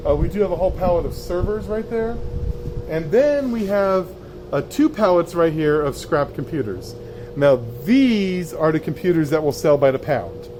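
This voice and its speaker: A man's voice: sits high, noisy background. A plain-spoken man giving a casual, off-the-cuff sales tour of stock while walking through a warehouse. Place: indoors in a cluttered warehouse, walking.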